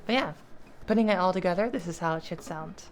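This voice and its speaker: A woman explaining a guitar piece in a casual tutorial, relaxed and self-deprecating, trailing off with fillers. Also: on the low side, fast talker. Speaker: guitar teacher. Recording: guitar playing loudly behind. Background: acoustic guitar.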